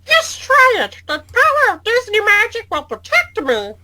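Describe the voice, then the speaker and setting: A shrill, gleefully villainous cartoon mouse voice done by a woman, squeaky and high. It swoops wildly up and down in pitch and sounds bright and sharp. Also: huge pitch swings, moderate pace, exaggerated voice. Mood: smug.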